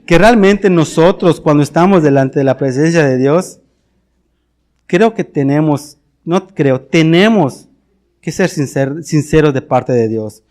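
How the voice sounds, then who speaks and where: Preaching a confessional sermon with earnest feeling, a middle-aged pastor speaks in a Mexican Spanish accent. His voice is a little high and darkish, his pace measured, and he frequently repeats words and starts phrases over.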